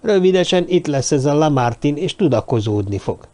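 A man's voice: a little high, animated, darkish tone, close to an everyday voice. A man voicing an eager, self-important dwarf who spreads news. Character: young dwarf man, know-it-all and gossipy.

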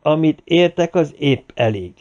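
A man's voice: fairly high pitch, animated, a little mellow, pitched above the performer's own voice, lightly acted. A man voicing a grim, weary male expedition leader who speaks firmly. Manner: firm, weary. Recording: dull lo-fi recording.

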